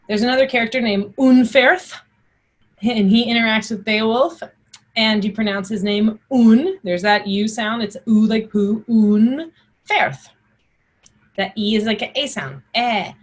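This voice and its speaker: Female instructor, Old English pronunciation lesson; slightly raspy mid voice, informal explainer who clearly models each archaic word. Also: mid-range voice, a little slow. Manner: informal, explanatory, enunciates examples. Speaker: teacher. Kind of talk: spoken pronunciation lesson with Old English words sounded out and recited.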